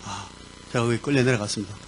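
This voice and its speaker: A man preaching as a pastor, telling a personal story with lively sound words and sudden bursts of emphasis. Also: fairly low pitch, quick pace, slight background noise, poor audio. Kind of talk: sermon storytelling. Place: church.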